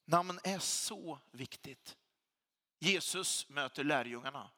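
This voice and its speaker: A man's voice: on the high side, sharp tone. A man preaching a sermon as a pastor, speaking with emphasis and repeating key phrases for weight. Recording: long hall reverb.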